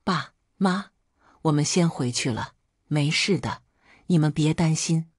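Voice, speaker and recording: A woman's voice: deep voice, a little slow, slightly rough, no echo, clean studio sound. A woman voicing a weary middle-aged husband who speaks coldly, set on divorce. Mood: restrained. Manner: cold, flat-voiced.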